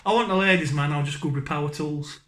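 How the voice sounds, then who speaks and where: Northern English bloke, gaming YouTuber, blunt and self-mocking, high voice, ranting in a roomy space. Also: male voice, fast, a bit bright. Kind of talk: rambling comic rant to camera.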